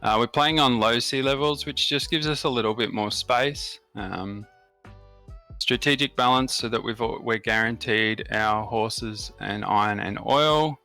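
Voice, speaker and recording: At medium pitch and an unhurried pace, a man's pushed, bright voice comes through over faint music. He's an Australian gaming channel host leading a strategy game session, casually explaining settings and bonuses in detail and filling the gaps with frequent fillers.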